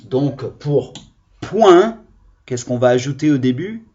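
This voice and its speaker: A man's voice: mid-range voice, expressive, slow, warm tone, slightly rough, lo-fi sound. A man teaching children a reading lesson on video, explaining patiently and expressively. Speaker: primary school teacher.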